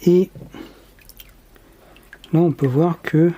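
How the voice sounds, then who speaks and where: A laid-back workshop tutorial host talks through a repair job step by step. The voice is mellow and a little dark, at an everyday mid pitch. The delivery is easygoing and halting, with frequent filler pauses. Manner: relaxed, hesitant, many filler pauses.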